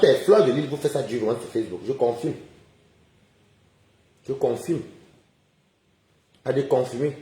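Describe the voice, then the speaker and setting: Animated man ranting indignantly. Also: high-pitched. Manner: indignant, rhetorical questions, frequent chuckles. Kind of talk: casual live-stream rant. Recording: roomy echoey recording.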